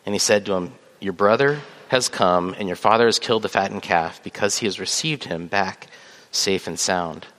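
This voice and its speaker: Lowish male preacher in a reverberant hall. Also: a bit bright. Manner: measured preaching with fillers, reads scripture aloud. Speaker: pastor. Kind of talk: sermon.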